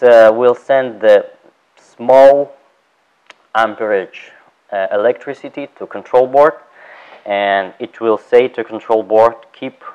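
Slow, halting male furnace instructor. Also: medium pitch, a little mellow, clear, resonant tone, lo-fi sound. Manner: halting, searches for words, frequent restarts. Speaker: HVAC technician instructor. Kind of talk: hands-on technical demonstration. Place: indoor training room beside an open furnace. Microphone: headset mic.

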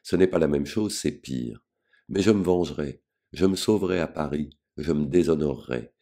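A man's voice: very deep voice, moderate pace, mellow. A man voicing a bitter, proud and rebellious young girl in an audiobook, speaking vehemently and with scorn.

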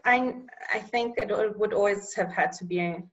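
Over a video call, a young public health worker from Eswatini, Bulgarian by first language, responds to interview questions at medium pitch with a fairly bright tone. She speaks carefully, frequently stopping to search for words, and the sound is lo-fi.

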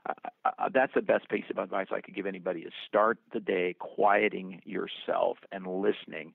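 A man's voice: deep voice, steady tone, moderate pace, gravelly, breathy edge, dry recording. A man answering interview questions in an earnest, storytelling way, calling up scripture and old poems as he reflects on his working life. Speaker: film producer and actor guest. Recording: dry, tinny phone-line sound.

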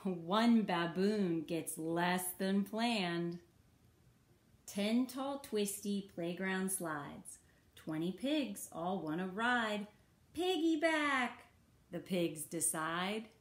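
A woman reading a rhyming picture book aloud for children in a slow, rhythmic sing-song. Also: mid-range voice. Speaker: children's story reader. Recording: roomy echo.

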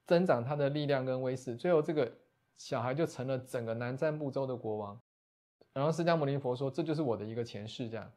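A man, a Buddhist monastic teacher retelling a scripture story as a lecture, often closing phrases with soft tags. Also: on the high side.

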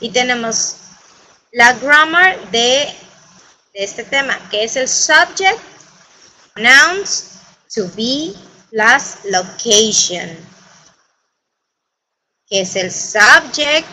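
Bright-voiced woman teaching English slowly. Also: on the high side, slight background noise, poor audio. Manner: switches between Spanish and English, repeats phrases slowly for students to copy. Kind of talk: bilingual classroom lesson.

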